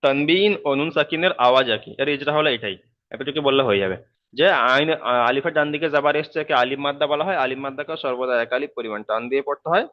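A man teaches Quran reading, chanting Arabic letter spellings slowly in a sing-song drill. His voice is smooth and resonant at a middle pitch. The recording sounds somewhat dull and muffled.

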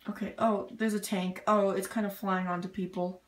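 A woman's voice: medium pitch, level tone, moderate pace. A woman giving casual let's-play commentary, impatient, swearing and muttering to herself as she plays. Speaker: gamer. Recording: echoey room. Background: loud game music.

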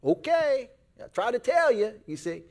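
Folksy, high-voiced man preaching. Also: a little fast, slight background noise. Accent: American. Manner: folksy, animated, acts out voices in stories. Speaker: pastor. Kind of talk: sermon with storytelling.

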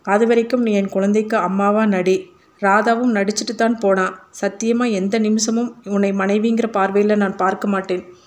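An earnest, troubled father pleads in quick, long runs of speech, voiced by a woman narrator. His pitch stays flat, in an audiobook reading. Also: natural voice.

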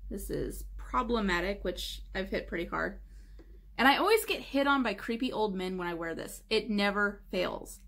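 A woman's voice: medium pitch, expressive, normal speed. Chatty young woman showing her makeup. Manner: chatty, lots of "like" fillers, drops into soft asides. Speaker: beauty vlogger. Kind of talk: casual makeup collection walkthrough.

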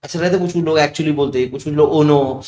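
A man's voice: a little high, quick pace, background noise. A young male teacher talking with his students in a chatty aside, asking questions and then answering them himself. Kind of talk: casual classroom digression. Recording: echoey room.

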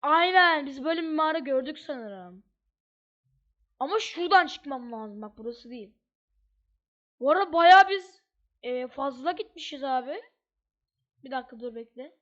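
A woman's voice: high voice, lively intonation, normal speed, long pauses, fairly bright tone. A woman giving casual, chatty gameplay commentary as she plays, thinking aloud with slangy asides. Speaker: gamer. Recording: dull lo-fi mic.

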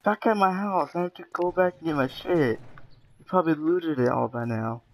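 A young man playing a survival game with a friend, excitable and swearing, laughing often. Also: on the high side, moderate pace, low-quality recording. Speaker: gamer. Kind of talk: casual gaming commentary.

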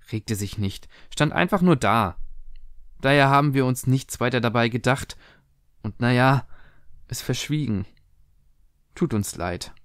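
A man's voice: mid-range voice, no echo, clean studio sound, close to an everyday voice. A man voicing a middle-aged mother who speaks in a soothing, justifying way, in a spoken storybook reading. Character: defensive middle-aged mother, calm but guarded.

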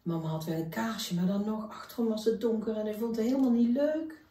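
A woman reading a children's story aloud in a gentle, expressive way. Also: medium pitch, brisk, recorded from a distance. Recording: echoey room, voice from afar.

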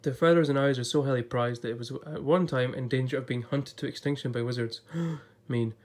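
Brisk and mid-range with a darkish tone, the man's voice still carries traces of a recent illness. He's a YouTuber paging through an illustrated book in a relaxed vlog, chatting and thinking aloud at a table set against a blue backdrop.

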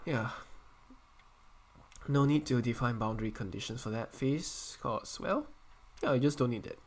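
A man teaching an engineering software lesson while hiccuping and coughing, often correcting himself and counting points aloud. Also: mid-range voice, normal speed. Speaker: engineering tutor. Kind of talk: screen-recorded software tutorial.

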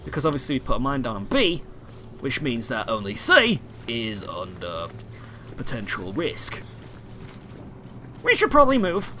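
Hyper young man with wildly swinging pitch. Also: sing-song, normal speed. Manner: hyper, squealing, jokey, shouting callouts. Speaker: gaming channel host. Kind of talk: excited co-op gameplay commentary. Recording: game noise audible behind voice.

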